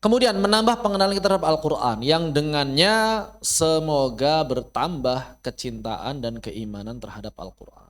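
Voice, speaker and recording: A man teaching an online Quran lesson in a casual way, asking rhetorical questions and rising high to stress his points. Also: moderate pace. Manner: animated, rises high when stressing a point; casual, uses local slang. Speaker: Islamic studies teacher. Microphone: close mic, online class.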